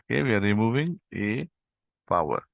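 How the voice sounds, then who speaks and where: A man's voice: on the low side, very animated, moderate pace, creaky, no echo. A man teaching a live coding tutorial over an online call, explaining step by step with frequent "okay" and "right?". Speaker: instructor.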